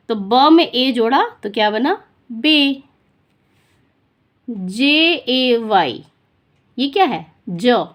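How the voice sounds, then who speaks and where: Slow, patient woman teaching phonics. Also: high voice, fairly bright tone. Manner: slow, patient, repeats and quizzes the listener. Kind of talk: phonics lesson for children.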